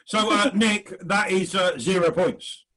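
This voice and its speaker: High-voiced quiz host, jokey. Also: male voice, unhurried, sharp tone, low-quality recording. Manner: jokey, hesitant with fillers. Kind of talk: online comedy panel show hosting.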